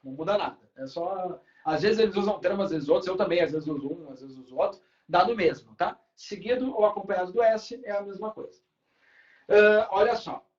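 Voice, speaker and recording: Lively Brazilian male teacher, roomy sound. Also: sits high, a little fast, lo-fi sound. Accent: Brazilian Portuguese. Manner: lively, checks in with students often. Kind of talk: live online grammar class. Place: classroom at a whiteboard.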